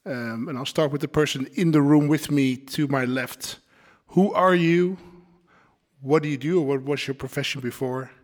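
A man's voice: medium pitch, moderate pace. A man hosting a podcast, introducing his guests and asking them questions in an informal, slightly hesitant way. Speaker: podcast host.

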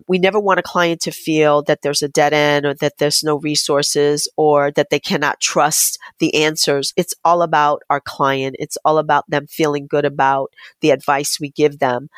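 A woman with a low voice talks as an expert guest in an interview. She explains things in plain, conversational terms and stresses her points. The sound is dry, with very little room to it. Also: little pitch movement, normal speed, few pauses, dry recording. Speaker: financial advisor, interview guest.

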